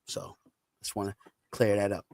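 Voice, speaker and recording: A man hosting a casual faith discussion on a video call, voice rising high and loud when he encourages listeners. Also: moderate pace, no echo. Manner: lively, preacherly rises when encouraging. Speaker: host of a faith talk stream.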